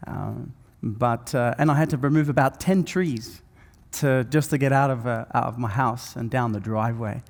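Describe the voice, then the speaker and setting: A man's voice: medium pitch, vocal fry. Man guiding breathwork in a hall. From Norway. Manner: soft, slow guiding voice with many fillers. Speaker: speaker guiding a breathwork session. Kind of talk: guided breathing meditation. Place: large event hall with live audience. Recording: long hall reverb.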